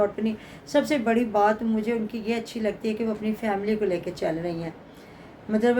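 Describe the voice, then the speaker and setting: A middle-aged woman with a medium-pitched, slightly mellow voice gives a casual vlog commentary over a faint hiss. She's a chatty, pious vlogger who often adds blessings.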